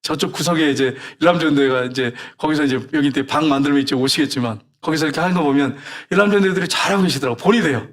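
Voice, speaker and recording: Man, pastor, sermon, high voice, exhorting, rhetorical questions. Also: racing, hardly any pauses, a bit bright.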